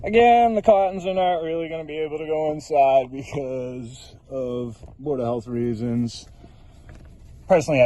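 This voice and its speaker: Interviewing people in a playful, showy manner, a man reports from an outdoor waterfront event beset by rain and wind. He has a warm, mid-range voice, and the recording carries the noise of the outdoor location.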